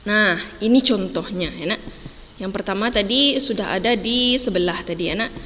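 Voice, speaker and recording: A woman's voice: mid-range voice, moderate pace, fairly bright tone, big-room sound, a little hiss or hum. A woman teaching a children's lesson, patiently spelling words out syllable by syllable and tagging "ya, Nak" onto every phrase. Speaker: primary school teacher.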